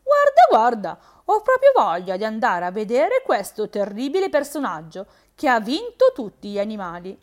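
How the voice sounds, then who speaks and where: A woman's voice: fairly high pitch, wildly swooping pitch, moderate pace, few pauses. A woman voicing a curious, bold little frog in a spoken fairy tale.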